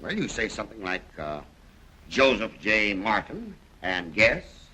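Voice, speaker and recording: A man's voice: on the low side, wildly swooping pitch, unhurried, sharp tone, exaggerated voice, low-quality recording. An actor playing a boisterous, showman-like American millionaire in a 1930s film. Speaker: American millionaire castle owner. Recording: old film soundtrack with music.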